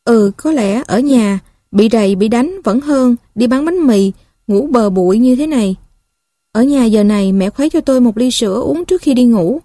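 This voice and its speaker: A woman with a Southern Vietnamese accent narrating a story in a gentle, even way. Her voice sits a bit high, with a mellow, warm tone, and the recording is close and dry. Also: normal speed, no room sound. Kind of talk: reading a story aloud.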